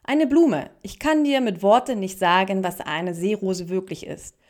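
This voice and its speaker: A woman voicing a gentle inner voice of the heart that speaks in a soothing, slow, tender way. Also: mid-range voice, lightly acted.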